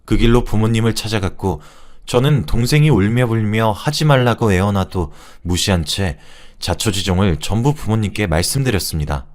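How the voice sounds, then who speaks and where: A man telling a first-person story in a measured, low narrating tone. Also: lively intonation, a little mellow.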